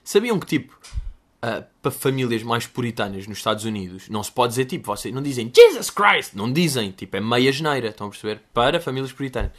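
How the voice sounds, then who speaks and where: Slangy young man with a European Portuguese accent. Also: fast. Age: 20s. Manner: animated, slangy, jumps into high-pitched voices to quote people. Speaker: podcast host. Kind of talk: casual storytelling monologue.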